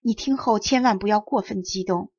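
Gentle trembling hostess, read by a woman. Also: medium pitch, brisk, breathy edge, dry recording. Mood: tremulous. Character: kind anxious lady of the house. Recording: dull lo-fi audiobook recording.

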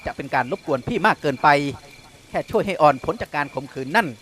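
Male reader doing a coy young woman, soft and teasing, audiobook. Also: fairly high pitch, expressive, fast, slightly rough. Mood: timid. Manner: soft, teasing, slightly slurred. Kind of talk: audiobook character voice.

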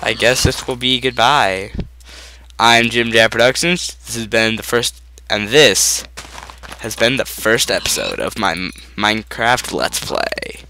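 Excitable young man narrating gameplay. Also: medium pitch, unhurried, a little hiss or hum. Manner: excitable, jokey, talks to game animals. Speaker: Let's Play host. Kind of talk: gameplay commentary.

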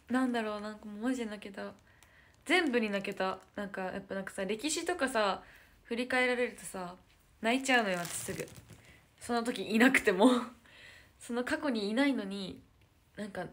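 A young woman with a lilt and a fairly high, fairly bright voice chats casually with viewers on a phone livestream. She's an idol live streamer who searches for words and slips into whispered asides.

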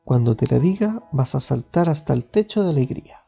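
A man voicing a gentle, smiling mother in a storybook reading. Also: on the high side, animated, a little fast, gravelly, husky, muffled recording, soft background music, heavily acted. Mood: tender.

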